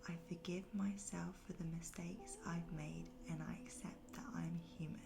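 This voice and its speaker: A woman softly whispering an ASMR guided pep talk of affirmations in a gentle, reassuring, unhurried and breathy way. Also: lowish voice, fairly even intonation. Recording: music behind the voice. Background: music.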